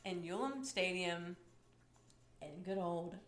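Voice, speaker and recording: A woman's voice: on the low side, slow. A woman co-hosting a casual sports chat, talking playfully and exclaiming over ticket prices. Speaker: podcast co-host. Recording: echoey room, faint ambience.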